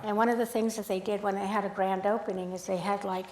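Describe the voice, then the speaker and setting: A woman photographer speaks at an art club in a casual, chatty way, telling her story with animated energy and acting out the other people's lines. Her voice sits in the middle of the range. The room is echoey and reverberant. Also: medium pitch, fast. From United States, grew up in Sacramento. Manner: chatty, animated, acts out quoted dialogue. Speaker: photographer giving a guest talk.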